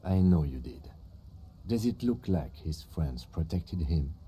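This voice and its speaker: An actor playing a calm, stern police lieutenant in a video game, speaking in a measured, dry way that carries menace. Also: male voice, low voice, slightly rough, exaggerated voice. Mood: cold menace. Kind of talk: dramatic video game dialogue.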